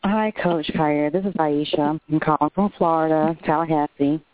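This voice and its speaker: A woman's voice: sits low, fairly even intonation, normal speed, crowd noise. A woman calling in to a radio show over a phone line, talking earnestly and personally with a few restarts. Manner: earnest, personal, speaks from the heart with some restarts. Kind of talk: casual call-in chat. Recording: tinny dry phone line.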